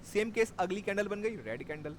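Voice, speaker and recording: High-voiced male trading teacher. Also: expressive, brisk, slight background noise. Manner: explains step by step, checks understanding with students. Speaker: stock market trading teacher. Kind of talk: live class explanation.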